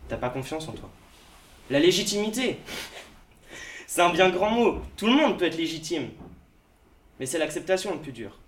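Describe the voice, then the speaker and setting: A man delivering spoken-word poetry in an intense, confiding way. His voice sits a little high for a man. It sounds roomy and picked up from some distance.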